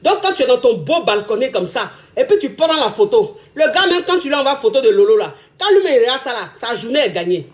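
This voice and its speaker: A woman's voice: high voice, big pitch swings, brisk, hardly any pauses. A woman giving casual relationship advice, chatty, repeating phrases and laughing often.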